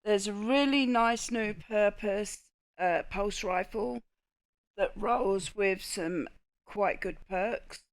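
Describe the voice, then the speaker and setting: A woman's voice: medium pitch, slow, no room sound. A woman with a Cockney accent narrating a casual video game guide. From England. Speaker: gaming video host.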